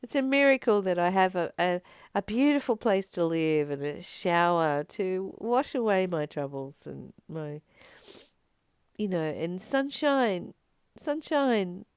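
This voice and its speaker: In an informal spiritual talk, a woman who teaches and hosts a channel speaks slowly and unhurriedly. Her mid-range pitch swings widely as she earnestly and expressively repeats words for emphasis, in a clean, close, dry recording.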